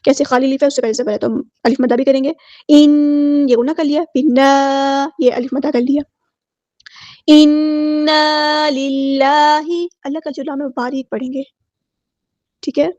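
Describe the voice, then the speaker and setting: A woman teaching Quran recitation rules word by word, chanting each word slowly and then explaining it in quick, plain speech. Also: high-pitched, fairly even intonation, warm tone, no echo, dull audio. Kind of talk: tajweed lesson, word by word explanation.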